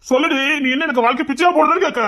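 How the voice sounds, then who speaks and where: A man's voice: very high-pitched, rapid-fire, pushed and bright, exaggerated voice. A man playing a hot-tempered angry husband. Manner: harsh, scolding. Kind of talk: Tamil serial-style drama acting.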